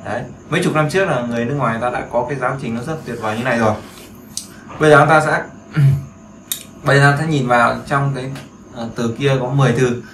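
Man, teacher, casual beginner lesson, repetitive and chatty, medium pitch, echoey room. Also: fast, a bit bright. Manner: chatty, repeats phrases, seeks agreement. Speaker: English teacher. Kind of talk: casual screen-share lesson. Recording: echoey room with faint background noise.

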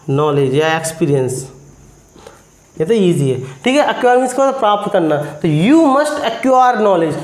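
High-voiced teacher drilling vocabulary. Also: male voice, echoey room. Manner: repetitive quizzing of viewers, spells words slowly. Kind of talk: live online class, teaching. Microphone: phone.

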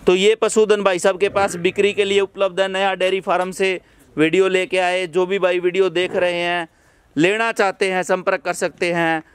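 Host: man, fairly high smooth voice, outdoor farm walkthrough, repeats answers for viewers. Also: flat delivery. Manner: brisk, repeats each answer back to viewers. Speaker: channel host touring a dairy farm. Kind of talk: on-site walkthrough interview. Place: outdoor buffalo farmyard.

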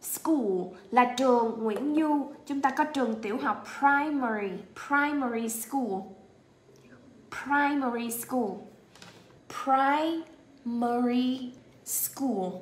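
A woman with a Vietnamese accent teaching English to children, speaking slowly and repeating words so pupils can echo them. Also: a little high, a little hiss or hum. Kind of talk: bilingual lesson for children.

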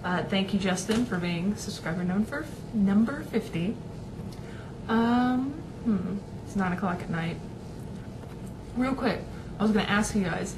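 A woman's voice: medium pitch, expressive, moderate pace, background noise. Chatty young woman on a webcam. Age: young adult. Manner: rambling, chatty, many fillers and restarts. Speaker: vlogger. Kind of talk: casual webcam chat. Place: small home room, indoors. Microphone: webcam at desk.

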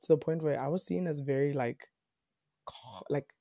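Her voice is low and creaky, her pace moderate, captured in a dry, clean studio recording. She's a young South African podcast guest chatting loosely, stumbling through fillers and restarts and becoming animated when quoting people.

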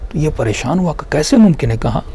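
A man's voice: a little high, sing-song, quick pace, mellow, a little hiss or hum. A man giving a religious sermon as a story, narrating and acting out the characters' dialogue. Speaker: religious speaker.

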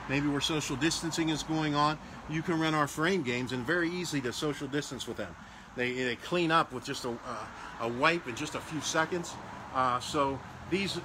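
A man's voice: fairly high pitch, noisy background. A man casually walking through a sales showcase of party games, repeating prices and restarting phrases as he goes. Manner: walking around showing products. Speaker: salesman for a game rental company.

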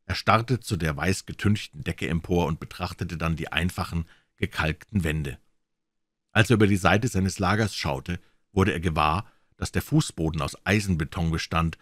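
A man reading a classic crime story aloud with dramatic, expressive narration. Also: low-pitched, moderate pace, dry recording, studio quality. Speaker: audiobook reader.

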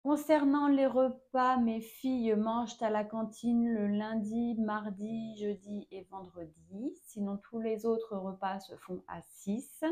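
A woman in her thirties, a mother of four, hosting a casual vlog and speaking to camera in a slow, measured way with frequent hesitations. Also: fairly high pitch, darkish tone.

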